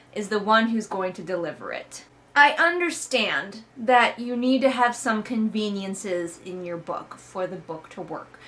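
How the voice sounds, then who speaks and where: Sarcastic and exasperated, a woman read-along host delivers casual, comedic, emphatic commentary full of conversational swearing. She speaks with a medium-pitched, slightly bright voice.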